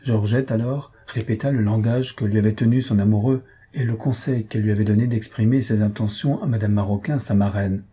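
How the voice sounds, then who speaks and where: A man reading a novel aloud with steady, measured storytelling. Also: fairly low pitch, slightly rough. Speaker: reader.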